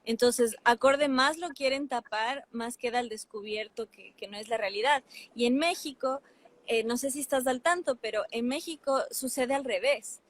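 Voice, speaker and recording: Animated, fairly high-voiced woman journalist. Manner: fast-flowing, animated storytelling with asides. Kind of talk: conversational debate.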